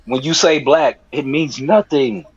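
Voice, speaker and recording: A man's voice: mid-range voice, unhurried, husky, no echo. Man, panel guest, preachy swearing talk, muffled lo-fi call sound. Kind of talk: casual debate talk. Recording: dull lo-fi call audio.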